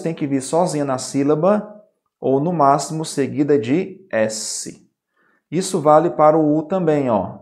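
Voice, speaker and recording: A man's voice: mid-range voice, darkish tone. A middle-aged man with a Brazilian Portuguese accent explains grammar rules for an exam, checking in with his students often. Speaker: Portuguese teacher. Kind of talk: exam-prep grammar lesson.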